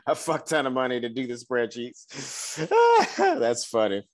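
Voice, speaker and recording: A man's voice: medium pitch, huge pitch swings, measured pace. A man co-hosting a podcast in casual chat, laid-back and slangy, swearing freely. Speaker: podcast co-host.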